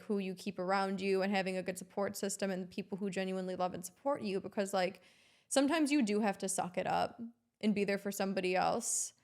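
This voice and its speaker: A woman co-hosting a candid podcast conversation. She speaks emphatically and supportively as she talks things through, in an ordinary mid-pitched voice. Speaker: podcast co-host.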